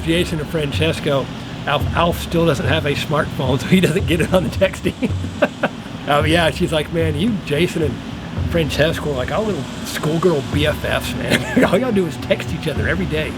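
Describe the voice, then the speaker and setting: A man's voice: a little high, normal speed, music in the background, rough recording. A man telling stories about his friends in a casual interview, laughing often. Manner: laughing, storytelling. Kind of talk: casual chat.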